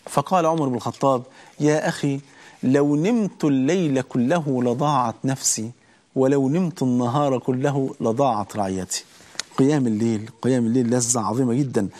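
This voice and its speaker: A man's voice: mid-range voice, brisk, a little mellow. A man with an Egyptian Arabic accent preaching a sermon, emphatic and full of rhetorical questions to his listeners.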